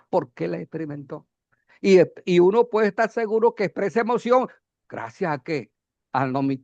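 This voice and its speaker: A man teaching Bible Greek grammar in a classroom lecture, halting, with many fillers and questions to the class. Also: a little high, gravelly, no room sound, dull audio.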